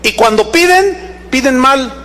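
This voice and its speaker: Mexican male pastor, high voice, emphatic sermon, faint hum behind. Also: lively intonation, measured pace, bright, forceful tone. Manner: emphatic, with rhetorical questions to the congregation.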